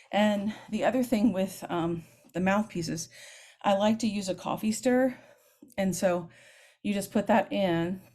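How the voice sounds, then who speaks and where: Woman in her 50s, band teacher, chatty and lively, showing how it's done while she talks, mid pitch. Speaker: middle school band director. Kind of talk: teaching clinic, explaining technique.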